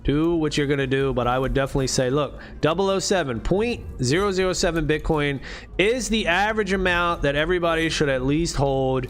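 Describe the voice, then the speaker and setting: A brisk, fairly high-pitched man in his late thirties with a slightly bright voice hosts a live stream. He chats casually in loose, profane slang packed with "dude" and "bro."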